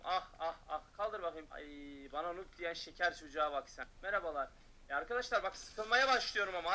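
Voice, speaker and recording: A man streaming a shooter game, taunting opponents with loud mocking shouts and quick low asides to his chat. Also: a little hiss or hum. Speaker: gaming streamer. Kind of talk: excited gameplay commentary.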